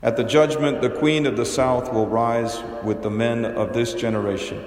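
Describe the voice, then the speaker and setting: A man serving as priest, giving a gospel reading and homily in a measured, deliberate way with dry humor, in a large church. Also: medium pitch, fairly even intonation, a little mellow. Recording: long cathedral-like hall echo.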